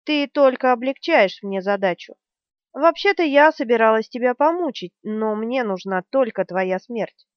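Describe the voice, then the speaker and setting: A woman reading the part of a fierce, desperate female warrior in an audiobook, shouting and shrill. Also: lively intonation, moderate pace, no echo, natural voice. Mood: furious desperation. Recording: dry, slightly dull studio sound.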